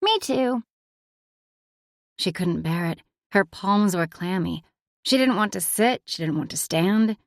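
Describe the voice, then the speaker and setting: A woman narrating an audiobook in an expressive, emotive reading style. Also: on the low side, measured pace, vocal fry, no room sound, clean studio sound.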